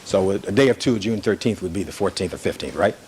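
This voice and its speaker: A man's voice: low-pitched, animated, fast, a little mellow, slight background noise. A man cross-examining a witness as an attorney in a courtroom recording, pressing with repeated leading questions.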